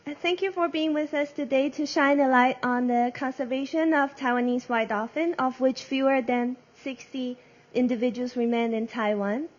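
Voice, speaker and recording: A woman whose first language is Mandarin moderates a press conference, carefully reading prepared introductions while stumbling and correcting herself. Her voice sits high at a normal speed, and the recording sounds muffled.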